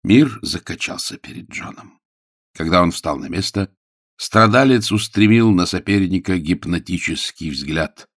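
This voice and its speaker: A man narrating an audiobook in a wry, expressive storytelling manner, recorded close and dry. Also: low-pitched, a little slow, no room sound. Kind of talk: scripted narration.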